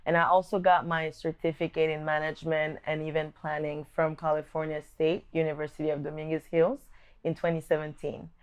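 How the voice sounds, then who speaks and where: A young adult woman from the Democratic Republic of Congo hosts a vlog, reflecting to camera on her upbringing. Her low, smooth voice barely moves in pitch, and she speaks in an earnest, measured, thoughtful way, restarting now and then.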